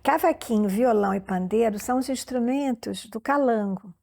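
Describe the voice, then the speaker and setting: Brief: woman with a gravelly, fairly high voice, reads aloud and comments, documentary interview. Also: normal speed, mellow, dry recording, clean studio sound.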